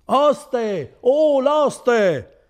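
Storybook role: man voicing a loud, protesting young peasant, husky, higher than his own voice. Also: very animated, normal speed, exaggerated voice. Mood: indignant. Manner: loud, raised and exclaiming.

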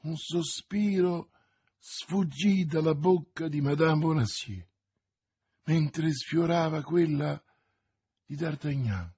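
A man reads a classic adventure novel aloud at an unhurried, deliberate pace. His voice sits a little high for a man and has a husky edge. The recording is dry and close. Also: darkish tone, no room sound. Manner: slow, measured dramatic reading. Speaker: audiobook narrator. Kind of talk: scripted narration.

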